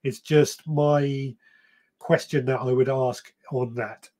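A warm, steady, mid-range voice speaks slowly as a man in his thirties hosts a gardening podcast live stream. He is indoors in a small shed or room, chatting in a rambling manner, reading out viewer comments, and often correcting himself.

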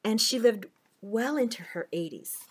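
A middle-aged woman hosting a children's story time, reading aloud in a deliberate storytelling manner. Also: fairly high pitch, expressive, slightly rough.

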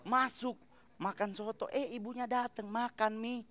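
A man doing stand-up on a TV studio stage into a handheld mic, talking loud and animated in slangy street speech. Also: very high-pitched, normal speed. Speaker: stand-up comedian. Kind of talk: stand-up comedy set. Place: TV studio stage with live audience. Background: audience laughter.

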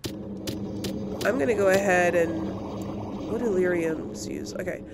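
Slow and fairly low in pitch, a woman narrates her video game session in casual let's play style, thinking aloud as she goes. Heavy background noise accompanies the game music.

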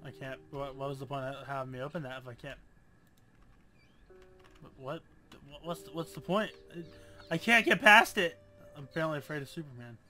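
A man's voice: medium pitch, steady tone, brisk, pauses often, over music. A young man casually commenting on a game he plays, sarcastic and jokey, with a lot of swearing. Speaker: gamer. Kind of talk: casual let's-play commentary.

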